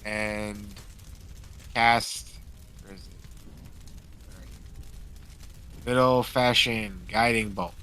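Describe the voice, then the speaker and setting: A man's voice: on the low side, very slow, pauses often, sharp tone. A man playing in a tabletop role-playing game, talking casually and good-naturedly. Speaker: player. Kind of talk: casual tabletop gaming chat.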